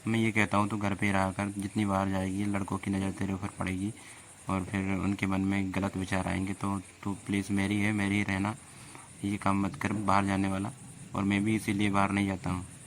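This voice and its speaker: A man's voice: low-pitched, monotone, moderate pace, a little hiss or hum. A man in a casual, teasing chat in which he plays a possessive boyfriend. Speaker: host chatting with an AI girlfriend.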